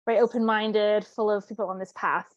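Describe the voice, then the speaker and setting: A woman's voice: mid-range voice, fairly even intonation, a little fast, no room sound, muffled recording. A woman who grew up in Italy, a guest on an interview, telling her story in an earnest and reflective way. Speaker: guest, life coach. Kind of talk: interview conversation.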